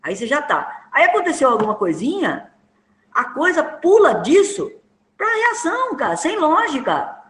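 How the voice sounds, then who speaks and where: A man explains things bluntly and emphatically, with plenty of casual slang. His pitch moves a lot, and the room around him echoes. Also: wildly swooping pitch, normal speed, a bit bright.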